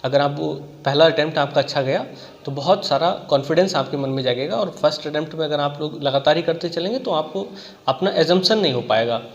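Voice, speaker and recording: A man's voice: fairly high pitch, quick pace, in a large hall, muffled recording. A man coaching students on exam strategy in a conversational way, stopping often to check that they follow and walking through examples. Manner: conversational, repeats "theek hai" and talks through examples.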